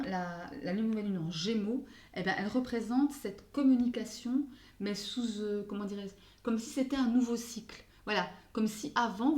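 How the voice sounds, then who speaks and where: This astrology card reader has a mid-range, slightly mellow voice and offers casual spoken tarot guidance in an echoey room. She talks hesitantly, hunting for words and frequently dropping in bits of English.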